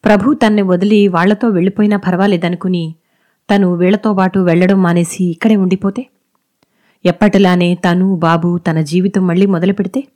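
Woman calmly narrating a story. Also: fairly low pitch. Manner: steady, measured storytelling.

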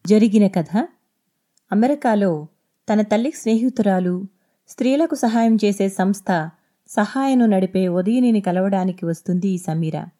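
A woman narrates an episode of her serialized novel in a calm, measured way. Her voice is mellow and dark. The delivery is even and unhurried. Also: mid-range voice. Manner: steady, measured storytelling. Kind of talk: audiobook narration. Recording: echoey intro over music.

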